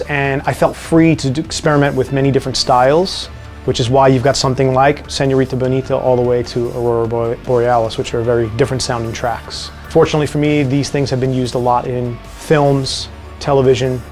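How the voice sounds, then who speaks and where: A man with a New York accent answering viewer questions in a casual vlog, relaxed and wry with dry jokes. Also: medium pitch.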